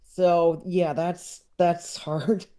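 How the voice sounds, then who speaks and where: A comedy writer and filmmaker chats casually as a podcast guest, hesitant, rambling, and self-deprecating. His voice sits high, with a flat delivery, a very slow pace, and a warm tone.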